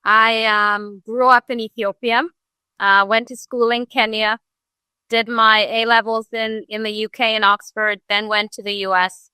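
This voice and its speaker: A woman from Ghana, a real estate broker, telling her story as a guest in an earnest, animated way, with many fillers. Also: a little high, unhurried, clean tone, dry recording. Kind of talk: casual interview storytelling.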